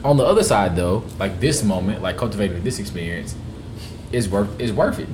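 A man's voice: lowish voice, expressive, noisy background. A man co-hosting a podcast, talking earnestly and reflectively in casual banter. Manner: reflective, earnest, drawn-out phrasing. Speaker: podcast co-host.

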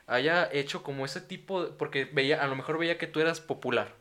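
A young man with a Mexican accent, co-hosting a podcast, explaining ideas in a measured way between bits of crude banter. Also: a little high, sharp tone. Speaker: podcast co-host. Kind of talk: casual chat.

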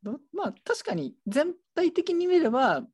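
A bookshop staffer with a high-pitched voice chats casually at a moderate pace while showing off the shelves. The talk is animated and rambling, packed with fillers.

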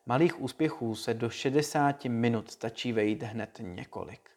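A man giving a calm, measured read-aloud talk to listeners, like a short lesson. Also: mid-range voice. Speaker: speaker giving a motivational talk.

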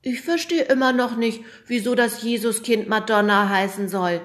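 A woman's voice: on the high side, normal speed, voice pushed up, close to an everyday voice. A woman voicing a young schoolboy who complains during a nativity rehearsal, in a storybook reading. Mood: complaining. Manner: whiny complaining. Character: grumbling young schoolboy shepherd.

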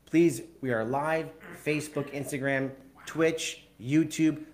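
A man's voice: fairly high pitch, steady tone, takes it slowly, a little hiss or hum. A man hosting a live video podcast, upbeat and chatty, often stumbling over words and repeating himself. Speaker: podcast host.

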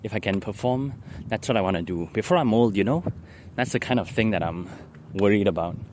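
A man's voice: fairly low pitch, fairly quick. A young man with a Singlish accent rambling casually in a diary style, meandering and ending phrases with lah. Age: young adult. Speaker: daily vlogger. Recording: loud traffic and vehicle noise.

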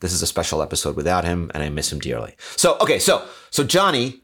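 Low-voiced, joking podcast host. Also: male voice, huge pitch swings, fast, fairly bright tone. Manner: jokey, teasing. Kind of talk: casual podcast chat.

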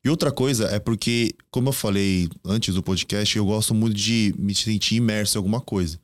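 Fast-talking Brazilian guy telling stories. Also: fairly low pitch, no room sound. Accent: Brazilian Portuguese. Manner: chatty, relaxed storytelling with quoted asides. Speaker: guest, Korean teacher. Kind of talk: casual podcast interview. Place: podcast studio.

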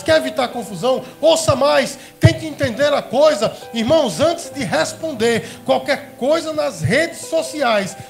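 A man's voice: very high-pitched, gravelly. A man preaching a sermon as pastor, calling his listeners brothers and beloved and asking them questions.

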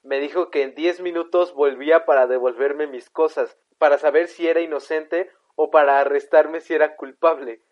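A man's voice: a little high, fairly even intonation, moderate pace, few pauses. A young man with a Mexican accent co-hosting a podcast, joking, laughing and swearing, sometimes reading a story aloud. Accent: Mexican Spanish. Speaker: podcast co-host. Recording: dull lo-fi sound.

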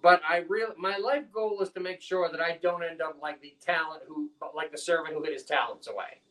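A man speaking a touch higher than most men, heard from a little way off the microphone. He tells stories with earnest energy, talking about faith and his craft in a relaxed conversation. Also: brisk, far from the mic, rough recording. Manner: animated storytelling, earnest.

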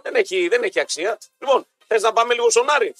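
A man with a high voice trades quick sports banter on the radio, often repeating himself as he talks. Faint music plays beneath the studio broadcast. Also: fairly bright tone. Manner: chatty, repeats himself, reads ad copy. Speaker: radio sports show co-host. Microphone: studio microphone.

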